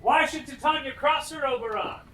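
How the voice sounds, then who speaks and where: A man's voice: very high-pitched, normal speed, sharp tone. A man acting a proud, jealous fairy king in verse on stage, with a hammy, declamatory Shakespearean delivery. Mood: demanding. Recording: roomy, distant, noisy stage recording.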